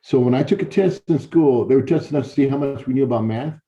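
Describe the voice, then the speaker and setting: Here a middle-aged man from Chicago, a university professor, speaks quickly in a warm, mid-range voice, giving students a personal storytelling lecture. He addresses them directly in a loose, conversational way, often repeating words and restarting. The sound is dull and lo-fi.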